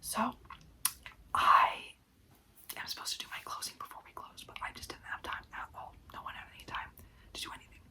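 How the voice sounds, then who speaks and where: Whispering the whole way, a young food service worker with a part-time job vents her exasperation through a story heavy on "like" fillers. She talks a little fast and pauses often.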